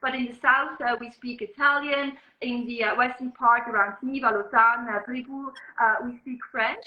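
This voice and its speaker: A Swiss woman whose first language is Swiss German speaks with a Swiss accent as a journalist guest in an interview. Her slightly high voice holds a steady tone at a moderate pace, and she sounds thoughtful, filling her speech with ums and uhs. The audio is dull and roomy.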